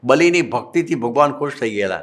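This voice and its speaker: Man, gujarati accent, monk preacher, storytelling sermon, sanskrit verses, medium pitch. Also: lively intonation, a little fast. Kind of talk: Gujarati religious discourse.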